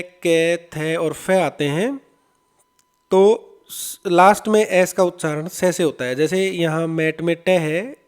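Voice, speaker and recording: Male teacher, patient classroom explainer, smooth and slightly high voice. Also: a little mellow. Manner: patient, repeats words slowly for students. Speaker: English teacher. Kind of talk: explaining an English lesson in Hindi.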